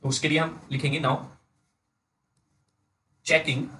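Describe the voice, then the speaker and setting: Slow Indian man lecturing. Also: fairly high pitch, level tone, bright, forceful tone, a little hiss or hum, low-quality recording. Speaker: engineering lecturer. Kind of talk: blackboard-style lecture in mixed Hindi and English.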